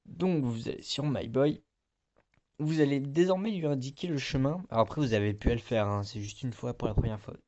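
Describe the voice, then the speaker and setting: A man talks through a casual screen-recording tutorial in a relaxed, rambling way. He often stops to hesitate and fills the gaps with small filler words. His voice sits at an ordinary middle pitch. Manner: chatty, rambling, lots of "donc voilà" and hesitations. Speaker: tutorial video host.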